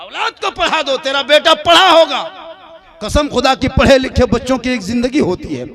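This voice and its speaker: A man preaching an emotional religious sermon with an Indian Hindi-Urdu accent, telling stories dramatically, acting out dialogue and rising to shouts. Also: extremely high pitch, lively intonation, normal speed.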